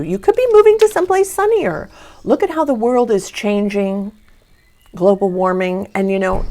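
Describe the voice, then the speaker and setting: A woman giving a casual tarot reading to camera, chatty and upbeat, talking through the cards and offering spiritual encouragement. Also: mid-range voice. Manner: chatty, spiritual, upbeat and warm-toned with laughs. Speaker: tarot reader.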